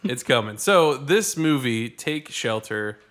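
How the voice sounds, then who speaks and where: A man's voice: medium pitch, expressive, slow pace, a bit bright. A man hosting a podcast with friends, talking in a loose, rambling, joking way. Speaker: podcast host. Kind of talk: casual chat.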